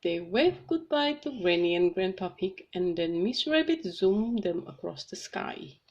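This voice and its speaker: Woman reading a kids' book, slow and lively, slightly muffled recording. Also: fairly low pitch. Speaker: storybook reader. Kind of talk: reading a children's picture book aloud. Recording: slightly muffled with faint hiss.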